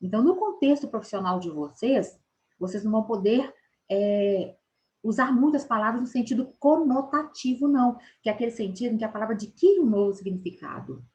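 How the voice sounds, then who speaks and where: A woman's voice: a little high, expressive, mellow. Woman teacher, patient explainer, draws out key words, frequent check-ins. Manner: explains patiently, ends phrases with "tá?"; slows down to stress key words. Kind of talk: recorded spelling lesson.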